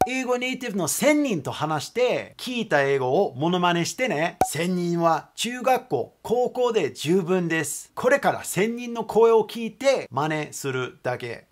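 Animated man teaching, noisy recording. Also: high voice. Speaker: English teacher. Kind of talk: scripted lesson narration.

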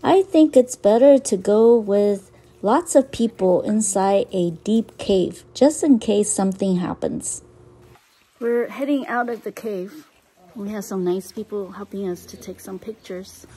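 Slow, chatty woman vlogging a cave walk. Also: medium pitch, dark tone, husky. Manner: chatty, hesitant, with many ums and small laughs. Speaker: travel vlogger. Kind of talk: casual travel vlog narration. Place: outdoors in a rainforest and inside a lava cave.

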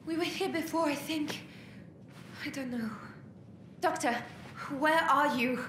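A woman's voice: high-pitched, a little slow, fairly bright tone, a little hiss or hum. A woman voicing a frightened, lost pregnant woman who speaks anxiously and falters. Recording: echoey game audio.

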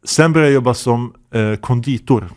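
A man in his fifties, a guest imam, telling lively stories with laughter and Arabic phrases sprinkled in. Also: mid-range voice. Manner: animated anecdotes with laughter, Arabic phrases mixed in. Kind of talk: podcast interview storytelling.

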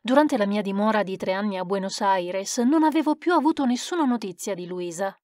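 A woman's voice: medium pitch, darkish tone, no room sound, studio quality, natural voice. A woman reading the part of a rueful, lovesick male poet who recounts his past in an earnest, emphatic way. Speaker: audiobook reader. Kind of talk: expressive literary reading.

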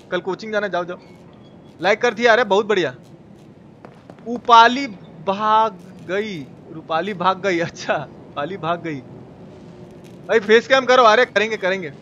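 Streaming a game, a high-pitched man speaks with a bright, forceful tone, and the recording's highs are cut off. He's casual and crude with viewers, commenting live on the gameplay and giving chat shout-outs over clear background noise and game ambience.

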